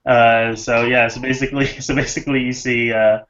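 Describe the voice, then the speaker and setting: A man's voice: medium pitch, little pitch movement, brisk, fairly bright tone, highs cut off. A man playing a tabletop role-playing game, narrating his character's actions in a rambling way with many fillers. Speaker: player. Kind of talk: casual tabletop play and narration.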